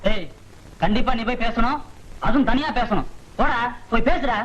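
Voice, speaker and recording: A man's voice: very high-pitched, normal speed, a bit bright, a little hiss or hum, rough recording. An actor playing a pushy young man who teases and eggs on his friend in a film comedy. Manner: pushy, teasing. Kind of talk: Tamil film comedy acting.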